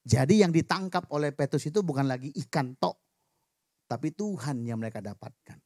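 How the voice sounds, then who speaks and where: A man's voice: a little high, brisk, dry recording. Joking preacher man, dry close sound. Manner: lively, joking with the congregation. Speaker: pastor. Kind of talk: sermon. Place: church hall.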